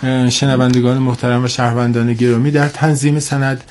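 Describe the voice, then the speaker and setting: A man with a cold and congested nose serves as an expert guest in a radio interview, formal and hesitant, repeating points for emphasis. His medium-pitched voice has a darkish tone and little pitch movement.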